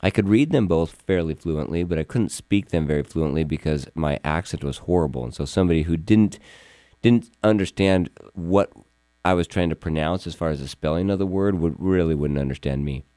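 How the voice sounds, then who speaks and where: In Yuma, Arizona, a firm owner hosts a casual interview with one of his employees, rambling earnestly and repeating words. His voice is deep, brisk and warm, recorded cleanly in a studio with no echo.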